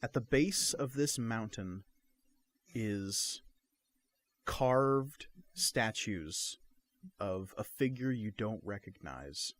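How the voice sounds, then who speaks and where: Male game master, low voice, measured scene-setting narration. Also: expressive, a bit bright, no room sound.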